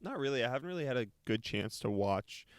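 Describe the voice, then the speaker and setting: A man's voice: mid-range voice, lively intonation, fast talker, no room sound. Chatty young man, dry close sound. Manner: chatty, laughs often, trails off mid-sentence. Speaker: podcast co-host. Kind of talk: casual chat.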